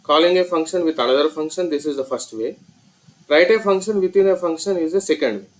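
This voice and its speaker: In a screen-recorded tutorial, a programming instructor with an Indian accent explains things step by step and repeats himself. His voice is on the high side and quick, and the audio quality is poor.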